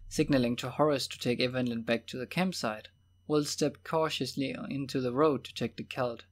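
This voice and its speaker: In a measured, even reading voice of medium pitch, a male audiobook narrator works through a novel.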